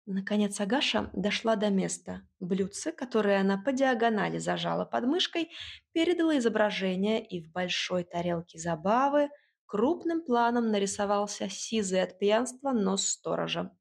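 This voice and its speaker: A woman narrating a fairy-tale audiobook in the first person. Her telling is lively and wry, carried by a husky, slightly breathy voice at a middle pitch. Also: moderate pace.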